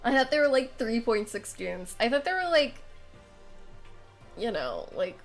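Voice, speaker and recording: A woman's voice: fairly high pitch, big pitch swings, moderate pace, faint music behind. A young woman livestreaming a game, reading it aloud and chatting casually, with a congested, nasal voice as if pinching her nose from a cold. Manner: informal, rambling, self-deprecating.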